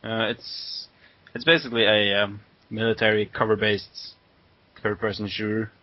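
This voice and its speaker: A man's voice: on the low side, little pitch movement, normal speed, dry recording. Man chatting casually on a lo-fi podcast. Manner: enthusiastic, laughs often. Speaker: podcast co-host. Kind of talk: casual chat. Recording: muffled lo-fi audio.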